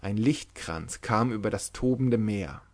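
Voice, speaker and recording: A man narrating a literary novel aloud in a measured, dramatic storytelling manner. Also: on the low side, darkish tone. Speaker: audiobook narrator.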